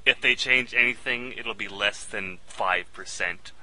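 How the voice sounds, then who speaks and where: A man's voice: fairly low pitch, unhurried, bright, forceful tone, low-quality recording. A man hosting a casual gaming podcast, talking with frequent fillers and small chuckles between points.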